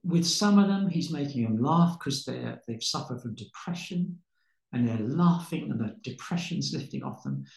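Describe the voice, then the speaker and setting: This pastor's medium-pitched voice is gravelly and expressive, moving at a moderate pace. He tells passionate stories in conversation with preaching fervor, repeating words to build momentum, and the room echoes noticeably.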